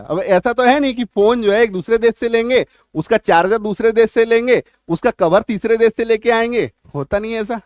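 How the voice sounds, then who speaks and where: A man's voice: high-pitched, dry recording, studio quality. A man teaching an English spelling lesson, explaining with everyday examples and checking often that his students follow.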